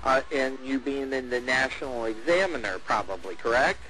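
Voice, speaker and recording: A man's voice: medium pitch, moderate pace, poor audio. A man working as a radio host, conducting an interview in a probing, indignant manner on the guest's behalf.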